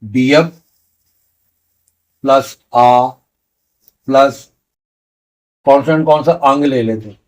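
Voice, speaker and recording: A man's voice: mid-range voice, unhurried, pauses often. A man teaching a beginner language lesson, patiently repeating each sound step by step. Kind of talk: slow explanatory lesson.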